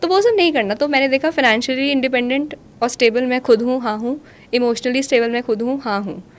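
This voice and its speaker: A woman in her thirties talking in a podcast conversation, mixing Hindi with slow, deliberate English lines. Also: sits high. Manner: switches between Hindi and English, slows down for English lines. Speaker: guest, manifestation coach.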